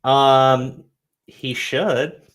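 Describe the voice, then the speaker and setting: A young man hosts a casual live stream while nursing a cold and a cough, rambling in a laid-back way with many stumbling restarts. His medium-pitched voice is fairly even, a bit bright, and he draws his words out.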